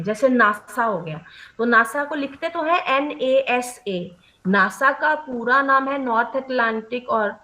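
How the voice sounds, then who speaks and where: Brief: young woman trainer, slightly high voice, patient step-by-step explainer who keeps checking in, drops English terms into her speech. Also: a bit bright, low-quality recording. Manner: mixes English terms into Hindi. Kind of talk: online training session.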